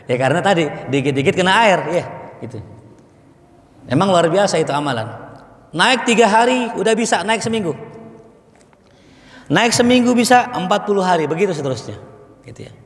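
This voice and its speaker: A man's voice: high-pitched, lively intonation, fairly quick, long pauses, reverberant, in a large hall. A man preaching in a mosque, talking in a conversational way, asking his listeners questions and telling stories. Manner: conversational, asks the audience questions, storytelling. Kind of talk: mosque study sermon.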